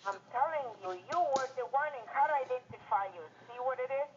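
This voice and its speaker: An Ecuadorian woman whose first language is Spanish, and who speaks with a Spanish accent, takes a phone call and keeps repeating her questions, indignant and insistent. Her voice sits high and moves a little fast. The recorded call sounds muffled, with crowd noise behind her.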